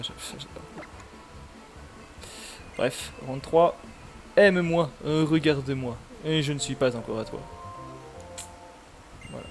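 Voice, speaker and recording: A man chatting casually on a gaming stream, rambling with lots of fillers. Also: a little high.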